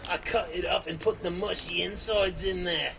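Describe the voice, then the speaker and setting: A man voicing a cocky, crude outback Australian man in loud, exaggerated mock bluster full of 'crikey' and 'mate'. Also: high-pitched, fairly even intonation, moderate pace, creaky, background noise. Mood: boastful.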